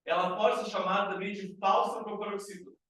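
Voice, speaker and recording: A man with a Brazilian Portuguese accent teaching a grammar class. His voice sits high for a man. He keeps checking in with the room through rhetorical questions. He is recorded from a distance in a very echoey classroom. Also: flat delivery, a little fast, bright, forceful tone.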